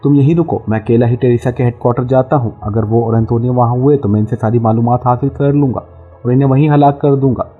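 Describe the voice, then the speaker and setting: A man's voice: medium pitch, fairly even intonation, fast, slightly rough, phone-quality sound, soft background music, close to an everyday voice. A man voicing a grim, ruthless male agent. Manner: menacing, blunt.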